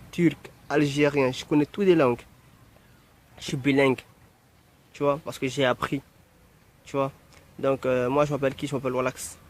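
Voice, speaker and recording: Rambling young man preaching to his followers. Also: medium pitch. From Marseille. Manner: rambling, preachy, repeats "tu vois" and "bref". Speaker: music producer addressing his followers. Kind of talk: casual direct-to-camera message.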